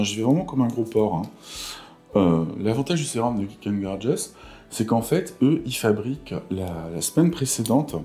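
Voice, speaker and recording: A man's voice: on the low side, a little mellow. A man with a just-woken morning voice chatting informally and playfully through a casual skincare routine vlog. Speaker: skincare vlogger. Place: at home in a bathroom.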